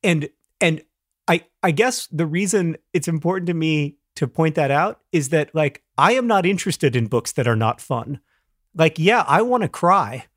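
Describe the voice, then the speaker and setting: Thin-voiced man, fairly high, podcast co-host. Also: animated, moderate pace, fairly bright tone, no echo, studio quality. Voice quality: thin, slightly tired voice. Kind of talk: casual podcast banter.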